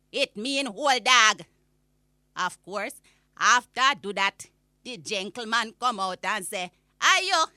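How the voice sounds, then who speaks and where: A woman playing an exasperated old Jamaican granny, telling a comic rant with indignant, drawn-out emphasis. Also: on the high side, bright, forceful tone, no echo, studio quality, full character voice. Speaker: storyteller.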